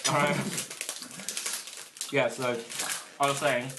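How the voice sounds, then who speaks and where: A man's voice: mid-range voice, flat delivery, takes it slowly. A teenage boy co-hosting a casual podcast with friends, laughing often and filling gaps with "um". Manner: laughs often, hesitant with fillers. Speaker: podcast co-host. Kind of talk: casual chat among friends. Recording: echoey room, loud hiss.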